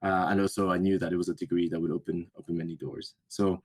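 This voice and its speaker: A deep, husky male voice with a flat delivery comes through fast. The speaker is a young adult business school student from a Japanese-speaking background, a guest in an interview. He answers thoughtfully but hesitantly, often correcting himself.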